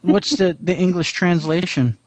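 A man co-hosting a casual comedic chat, playful and quick to giggle. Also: high voice, a little mellow, no echo. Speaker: co-host.

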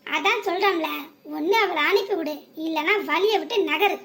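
Voice actor doing a squeaky, sneering cartoon thug. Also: moderate pace, pushed and bright, heavily acted. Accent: southern Tamil. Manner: mocking, bullying. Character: sly thuggish village man. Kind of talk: cartoon voice acting.

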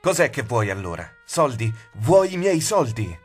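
A man voicing a panicking shopkeeper who pleads in a frantic, shrill way in an audiobook. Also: expressive, normal speed, faint music behind. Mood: panicked. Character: panicking middle-aged male shopkeeper, desperate and pleading. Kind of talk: audiobook character voice.

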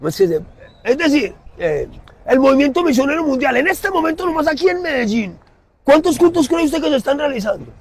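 A middle-aged man with a Colombian Spanish accent preaching emphatically in an outdoor city plaza, swinging from loud to soft. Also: very high-pitched, big pitch swings, moderate pace. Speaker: street preacher. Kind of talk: impassioned street sermon.

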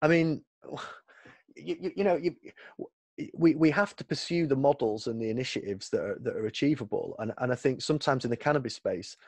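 A man's voice: medium pitch, expressive, darkish tone, husky, no room sound. A man with a Northern English accent, a guest in a podcast interview, talking casually and restarting his sentences often. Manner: halting, repeats words, restarts often. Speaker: guest, policy advocate.

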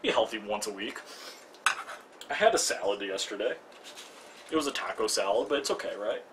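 With a lowish voice, brisk delivery, and lively intonation, a young man runs a casual live cooking demo in his home kitchen. He's chatty, pokes fun at himself, and tosses in jokey asides, picked up by a distant mic amid kitchen noise.

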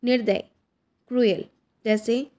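A woman teaching vocabulary, reading each term and then its meaning in an even, measured way. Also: on the high side. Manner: reads word lists, term then its meaning, evenly.

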